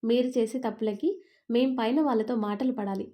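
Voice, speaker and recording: A woman voicing a strict, sharp-tongued young woman office lead in a storybook reading. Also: mid-range voice, fairly even intonation, a little fast, natural voice. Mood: scolding. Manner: stern scolding.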